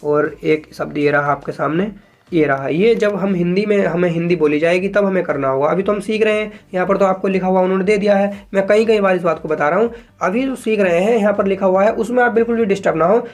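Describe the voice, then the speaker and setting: Patient male shorthand teacher. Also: high-pitched. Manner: patient, repeats example sentences slowly; addresses viewers as friends, frequent "ठीक है". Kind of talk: casual video lesson.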